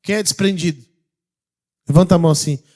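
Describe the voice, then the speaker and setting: A man with a Brazilian Portuguese accent, a pastor preaching a sermon, asking the congregation questions and swinging between loud calls and quiet passages. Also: high-pitched, a little fast.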